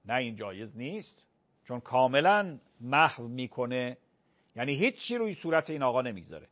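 A man who is a cleric answering callers' religious questions on a call-in show, speaking slowly and deliberately and repeating phrases to teach them. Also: medium pitch, very animated, muffled recording.

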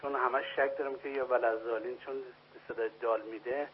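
A man's voice: medium pitch, steady tone. A man calling a radio show who asks his question politely, hesitantly and with some worry. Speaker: caller. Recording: dull radio sound with faint hum.

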